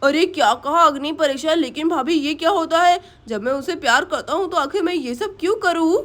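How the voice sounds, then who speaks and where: Woman playing a fretful young husband, very high voice. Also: fairly quick, fairly bright tone. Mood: apologetic. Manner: exasperated, protesting. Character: young husband, harried and defensive. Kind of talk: doll story voice acting.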